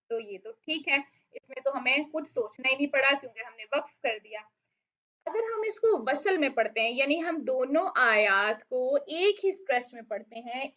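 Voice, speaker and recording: A woman teaching Quran recitation rules, patiently explaining and asking questions she then answers herself, with slow drawn-out recited verses. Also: sits high. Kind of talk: online tajweed lesson. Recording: dull lo-fi audio.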